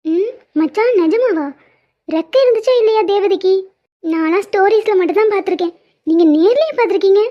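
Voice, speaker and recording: A woman's voice: very high-pitched, a little fast. A woman voicing a cheeky teenage schoolgirl who teases her family in a cartoon. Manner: cheeky, teasing, sassy. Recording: dull lo-fi sound.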